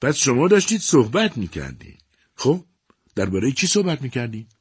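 A man's voice: medium pitch, huge pitch swings, husky, no echo, studio quality, pitched above the performer's own voice. A man voicing a suspicious, scolding mother who mocks and accuses her son. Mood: mocking. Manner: sneering, accusing.

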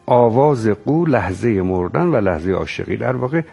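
A man explaining thoughtfully in a relaxed conversation. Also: on the low side, gravelly, slightly rough, lo-fi sound, faint music behind.

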